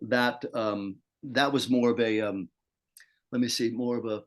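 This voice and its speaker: A man's voice: medium pitch, steady tone, unhurried. An older man talking as an actor guest in a casual interview, chatty and meandering, with many restarts.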